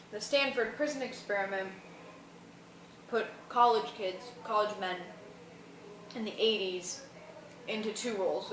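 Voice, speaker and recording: Sounding tired, this young adult student vlogger talks her way through a loose, colloquial explanation. Her mid-range voice is a bit bright, picked up by a distant mic in a roomy space with faint background noise.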